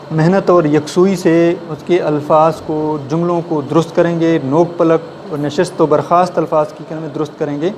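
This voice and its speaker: A man's voice: a little high, darkish tone, slight background noise. A man teaching a writing class in a classroom, explaining step by step and often putting questions to the listeners. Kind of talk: classroom lecture. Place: classroom with a board.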